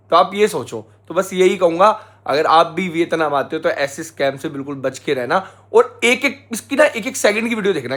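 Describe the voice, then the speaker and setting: A young man chatting to his viewers in a travel vlog, filmed on a handheld camera. His voice sits a little high for a man, and he tells the story with lively energy, turning to the viewers again and again. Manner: animated storytelling, addresses viewers as guys. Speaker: travel vlogger. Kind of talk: casual travel vlog chat.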